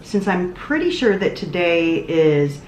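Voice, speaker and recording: A woman's voice: lowish voice, big pitch swings, measured pace, a little mellow, roomy sound, slight background noise. A woman chatting casually about her meals in a food vlog, often laughing. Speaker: vlogger.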